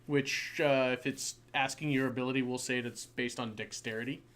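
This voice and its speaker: A man running a tabletop game as game master, excitable and prone to swearing and stumbling over his words. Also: medium pitch, moderate pace.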